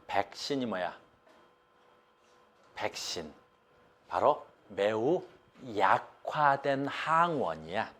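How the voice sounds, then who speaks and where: A middle-aged man teaching a biology class, lecturing and constantly quizzing his students with quick check-in questions. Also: fairly high pitch. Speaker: high school biology teacher.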